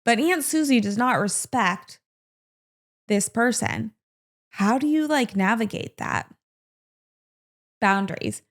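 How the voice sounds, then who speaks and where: A woman's voice: fairly high pitch, slow pace, long pauses. Chatty woman hosting her solo podcast. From American Midwest. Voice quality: chatty, animated, with playful asides. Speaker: podcast host. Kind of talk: casual solo podcast talk.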